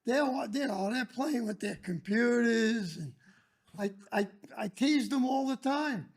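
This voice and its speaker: An older man chats casually and reminisces. His voice is notably high for a man, with a rough rasp and plenty of fry. He speaks haltingly, often starting a phrase over. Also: expressive. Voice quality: raspy, creaky.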